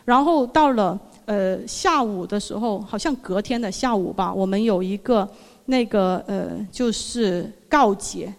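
A woman's voice: on the high side, a little mellow. Woman, churchgoer giving testimony; emotional, repetitive, earnest delivery in a hall with long reverb. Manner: earnest, halting, repeats words.

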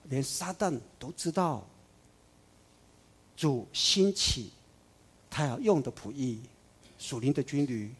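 A man preaching a sermon, emphatic, swinging between loud declarations and soft asides. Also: mid-range voice, animated, slow, long pauses, breathy edge.

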